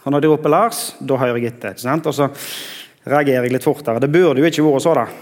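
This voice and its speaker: Preacher in a reverberant hall. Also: male voice, medium pitch, a little mellow. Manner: conversational, searching for words. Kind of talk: sermon.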